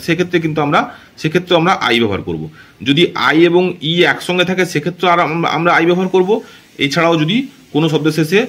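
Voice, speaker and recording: A man's voice: fairly high pitch, a bit bright. A man giving a patient spoken phonics lesson, explaining step by step and often checking that his students follow. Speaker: English teacher.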